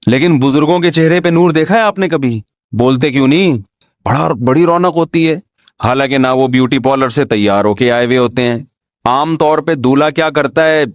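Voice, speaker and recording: A man's voice: mid-range voice, no room sound, studio quality. A man giving an informal, humorous religious talk, often throwing rhetorical questions at his listeners. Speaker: Islamic scholar giving a talk.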